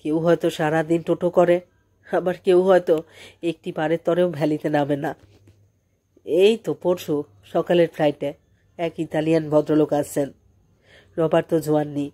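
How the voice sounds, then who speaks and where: A polite middle-aged man who runs a cottage, read by a woman narrator chats courteously in an audiobook scene. The voice is low and mellow. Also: level tone, normal speed, pauses often, close to an everyday voice. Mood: chatty. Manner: courteous, chatty. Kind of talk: audiobook character voice.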